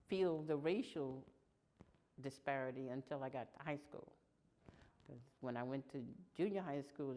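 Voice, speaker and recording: A woman in her sixties from Long Island, New York, giving plain, unhurried answers in an oral history interview that trail off quietly. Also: very deep voice. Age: 60s. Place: indoor room in downtown New York.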